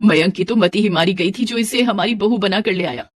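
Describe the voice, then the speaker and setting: A woman's voice: medium pitch, fairly quick, no room sound, natural voice. A woman voicing a fussy, traditional middle-aged mother-in-law who scolds and laments dramatically. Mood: annoyed.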